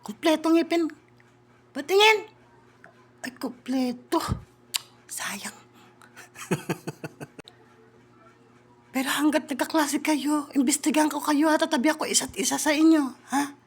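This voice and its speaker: A woman's voice: high voice, brisk. A woman comedian in an improvised skit, talking in a bossy, teasing way and dropping into muttered whispered asides.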